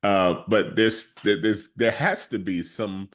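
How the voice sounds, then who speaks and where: A man with a very low, deep voice co-hosts a relaxed discussion show. He lays out his views in a measured way, and his pitch jumps sharply upward when he jokes and laughs. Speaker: podcast co-host. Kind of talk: casual discussion.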